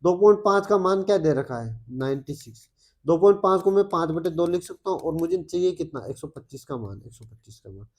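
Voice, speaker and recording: A man's voice: fairly high pitch, expressive, a little fast. A Hindi-speaking man with an Indian accent, teaching exam maths step by step. He keeps asking his students questions and mutters his working half to himself. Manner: coaxing, asks the students questions as he works; loud, then muttering calculations under his breath. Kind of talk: solving maths problems step by step.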